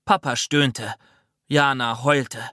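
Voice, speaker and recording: A reader narrating a children's audiobook in an expressive, lively way. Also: medium pitch, takes it slowly, no echo, clean studio sound.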